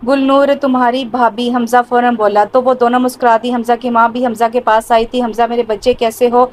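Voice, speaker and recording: A woman narrates an audio novel, voicing every part herself in a plain, scripted reading with small hesitations. Her voice is a little high and level in tone, and the audio quality is poor.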